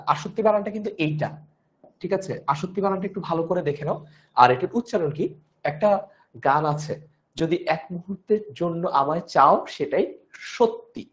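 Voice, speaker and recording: Young Bangladeshi man with strained throat, teaching. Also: high voice. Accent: Bangladeshi Bengali. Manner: explanatory, repeats key points, asks "ঠিক আছে?". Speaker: online tutor. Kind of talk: live online grammar class.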